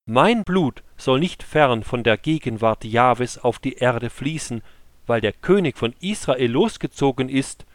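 A man's voice: mid-range voice, dry recording. A man voicing an earnest young male warrior in a scripture story, with a raised, pleading delivery.

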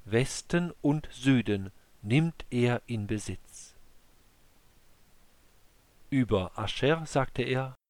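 As an audiobook narrator, a man recites scripture slowly, solemnly and in a measured way, lingering over each phrase. His pitch is in an ordinary middle range and a little mellow, and the recording is close and dry with no room around it.

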